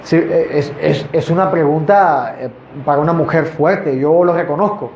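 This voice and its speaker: High-voiced man preaching in an echoey church. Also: normal speed, darkish tone, slight background noise. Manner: preaching to a congregation with rhetorical questions. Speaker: pastor. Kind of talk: sermon. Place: church in front of a congregation. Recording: echoey, dull church recording.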